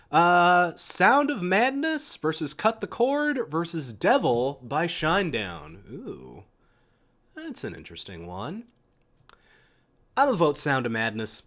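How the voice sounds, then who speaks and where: A young man hosts a casual live stream, reading out questions from chat and rambling about the music he loves. His voice sits a little high and swings widely as his excitement rises. He restarts sentences often, with plenty of fillers.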